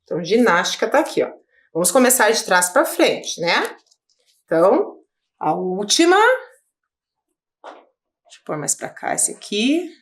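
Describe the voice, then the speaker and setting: A woman's voice: medium pitch, big pitch swings, unhurried, long pauses. A woman teacher from Brazil giving a recorded video lesson for children, explaining step by step and often checking in with her pupils. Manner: patient, explaining step by step with frequent check-ins.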